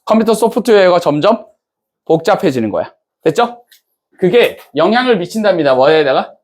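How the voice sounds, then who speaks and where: A man's voice: high-pitched, big pitch swings, moderate pace. A man teaching an English class, casually checking in with students and asking them questions as he goes. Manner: casual banter-style speech to students. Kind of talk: classroom lecture.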